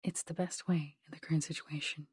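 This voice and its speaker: Stern determined woman, low raspy hush, voiced by a woman reading. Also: level tone, a little fast, dry recording.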